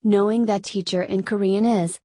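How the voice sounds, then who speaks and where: A Spanish woman, a native Spanish speaker, explaining Korean grammar in English with a Spanish accent, in steady step-by-step scripted narration. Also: medium pitch, moderate pace, dry recording. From Spain. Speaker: Korean language teacher.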